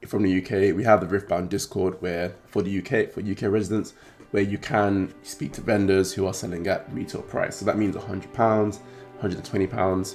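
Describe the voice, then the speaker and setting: Man, croaky voice, very deep, rambling vlog talk, faint guitar behind. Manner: rambling, many fillers and restarts. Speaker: trading card game channel host. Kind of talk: casual talk to camera.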